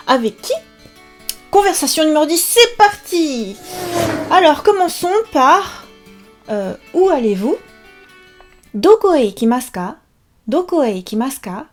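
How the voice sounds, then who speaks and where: A woman teaching a language in a casual video lesson, lively and chatty, with many fillers and playful asides. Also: high-pitched, moderate pace, faint music behind.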